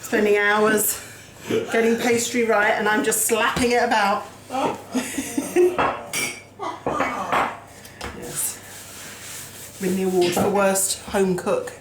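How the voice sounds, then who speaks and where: A woman's voice: mid-range voice, measured pace, echoey room, slight background noise, poor audio. A woman hosting a casual home cooking show, chatty and self-deprecating, talking as she works in her kitchen.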